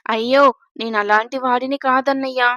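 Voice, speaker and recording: A woman's voice: sits high, fairly even intonation, normal speed, fairly bright tone, no echo, lo-fi sound. A woman reading aloud voices a flustered, naive young man in a spoken storybook serial.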